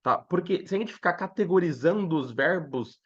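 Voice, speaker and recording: A man with a Brazilian Portuguese accent teaching English in a live online lesson, slowly repeating each word twice and chatting with viewers. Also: fairly high pitch, dull audio. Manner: chatty, animated explaining to viewers.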